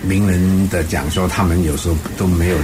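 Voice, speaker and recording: Low-voiced older professor, noisy background. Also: male voice, fairly even intonation, brisk. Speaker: professor being interviewed. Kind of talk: conversational interview. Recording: clear background ambient noise.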